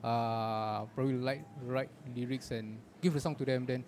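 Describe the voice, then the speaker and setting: A man's voice: medium pitch, fairly even intonation, normal speed, darkish tone. A man with a Singaporean accent chatting casually, using colloquial clipped grammar and Singlish particles. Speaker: podcast co-speaker on beat making. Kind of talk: casual chat. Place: out and about in a public place. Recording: noisy ambience of a public place.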